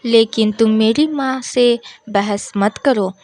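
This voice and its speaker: A woman voicing a dutiful grown son and husband who talks in a calm, reasoning way, slowly. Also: fairly high pitch.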